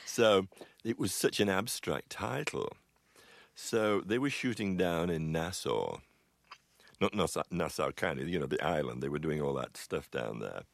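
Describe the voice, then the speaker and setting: A man who composes film music, recalling stories in an interview, halting and full of restarts and chuckles. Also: low-pitched, lively intonation, creaky. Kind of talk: anecdotal interview chat.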